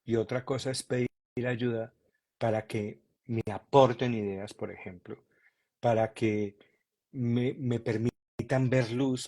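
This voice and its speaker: A man talking calmly and earnestly as a podcast guest, searching for words as he goes. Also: mid-range voice. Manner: calm, earnest, repeats himself while searching for words. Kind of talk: reflective conversation.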